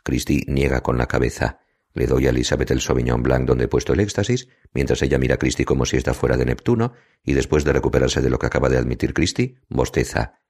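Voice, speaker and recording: A man reading an audiobook in a calm, cold, deliberate manner. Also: extremely low pitch, husky. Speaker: audiobook narrator. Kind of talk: scripted narration.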